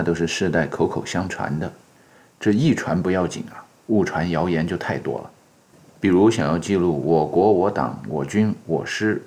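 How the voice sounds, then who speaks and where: A man's voice: low voice, a little mellow, husky. A man narrating in a wry, mock-scholarly joking manner, as if giving a satirical lecture.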